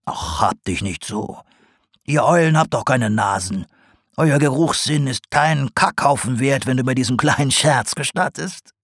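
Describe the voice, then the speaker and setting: A man's voice: medium pitch, moderate pace, fairly bright tone, slightly rough, dry recording, clean studio sound, pitched above the performer's own voice. A man reading an audiobook, voicing a sly female swamp creature potter who talks in a teasing, knowing way. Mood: amused. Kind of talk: audiobook character voice.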